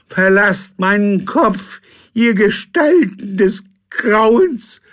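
A man's voice: on the high side, sing-song, takes it slowly, vocal fry, voice pushed up, full character voice. A man voicing a drunken, hysterical old sea captain in a storybook, wailing theatrical outbursts. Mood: overwrought.

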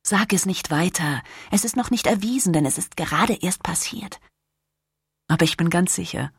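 A woman voicing a young noblewoman who speaks in a hushed, tense way and slips into whispers. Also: on the low side, moderate pace, slightly rough, no echo, clean studio sound. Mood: secretive. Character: anxious young noblewoman hiding a secret.

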